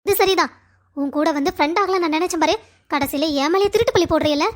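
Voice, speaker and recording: A woman's voice: extremely high pitch, fast talker. A woman voicing a spiteful young woman in a cartoon drama, speaking in a sarcastic, accusing way.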